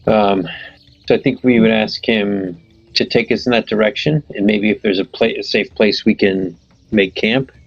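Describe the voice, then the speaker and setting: A man's voice: lowish voice, steady tone, moderate pace, husky. A man chatting casually as a player in a tabletop game. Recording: dull lo-fi audio, music behind.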